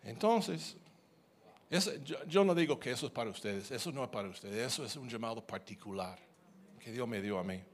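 A man preaching, telling his own testimony as a story, animated and repeating words as he goes. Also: medium pitch, fairly quick.

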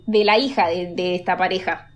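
A woman's voice: on the low side, fairly even intonation, moderate pace. A young woman with a Rioplatense Spanish accent, co-hosting a podcast and telling stories in casual chat. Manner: storytelling, amused. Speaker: podcast co-host.

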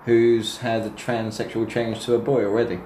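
A man's voice: lowish voice, little pitch movement, normal speed. A man with a British accent, chatting casually as a podcast guest. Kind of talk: casual banter. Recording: echoey room with faint noise.

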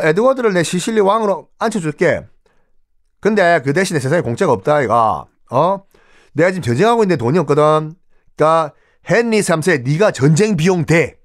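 A man putting on a blunt, greedy old pope with a thick Gyeongsang accent, barking out rough, bossy demands. The voice sits fairly high and leaps all over the place while he scolds. It comes from a storytelling podcast. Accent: Gyeongsang dialect. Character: gruff older male pope, greedy and blunt.

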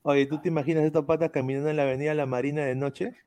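A man on a sports talk show, relaxed as he walks through photos and player news. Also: on the high side, very fast, a loud crowd. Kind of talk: casual studio chat.

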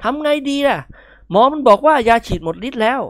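Man doing a shrill frightened joker. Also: expressive, unhurried, no room sound, clean studio sound. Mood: frantic. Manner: shrill, pleading. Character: jokey male sidekick, frightened and yelling.

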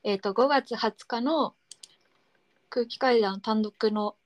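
A woman's voice: on the high side, takes it slowly, no echo, highs cut off. A woman co-hosting a podcast in casual chat, talking keenly with many fillers, recorded outdoors on a city street at night. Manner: chatty, enthusiastic, many fillers. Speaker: podcast co-host. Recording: outdoor street noise, passing traffic.

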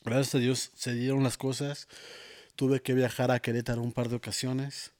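A man's voice: mid-range voice, little pitch movement, normal speed, a little mellow. Mexican man telling his faith story. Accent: Mexican Spanish. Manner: storytelling, quotes himself and others, many fillers. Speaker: interview guest, worship musician. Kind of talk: casual testimony interview.

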